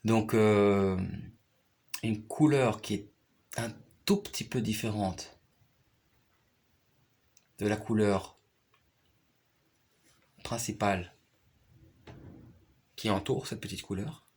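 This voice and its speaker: A man's voice: on the low side, steady tone, slow pace, pauses often, a little mellow, slightly rough. A man talking casually and at length in a rambling way, repeating phrases and often checking that his listener follows. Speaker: piano player and teacher. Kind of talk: casual personal conversation.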